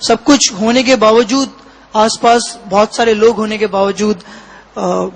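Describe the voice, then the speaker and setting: In a rough recording, a fairly high-voiced man gives personal testimony about what he went through, speaking as an interview guest. He stays flat and even, stopping frequently to find words between brief phrases.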